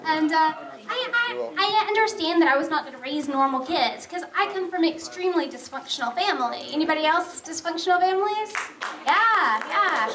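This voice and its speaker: A woman in her thirties doing a stand-up comedy set in a brash, sarcastic way with quick punchlines. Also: very high-pitched, animated, a crowd in the background. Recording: echoey room, far from mic.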